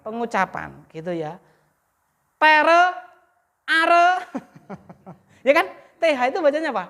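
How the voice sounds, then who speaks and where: A woman's voice: a little high, very animated, a little fast, vocal fry. A woman teaching Arabic grammar, often leaving a sentence open for students to finish. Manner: quizzes the class with half-finished questions. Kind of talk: classroom lesson.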